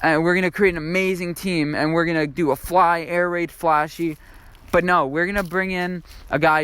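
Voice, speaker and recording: A young man hosts his own sports video, talking through football opinions off the cuff. His voice sits a little high and comes across smooth and clear. He wanders and restarts as he thinks aloud. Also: fairly bright tone. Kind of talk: unscripted football commentary monologue.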